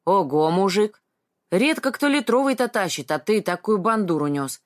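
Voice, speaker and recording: A woman voicing a cheerful, easygoing male hiker who talks in a hearty, loud way. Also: mid-range voice, very animated, normal speed, lightly acted.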